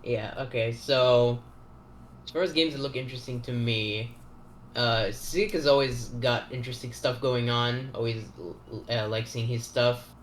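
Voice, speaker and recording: Man, mid pitch, chatty and stammering co-host, echoey room, faint background noise. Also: steady tone, moderate pace. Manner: chatty, stammers, laughs easily. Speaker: league co-host and player. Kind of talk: casual recap commentary.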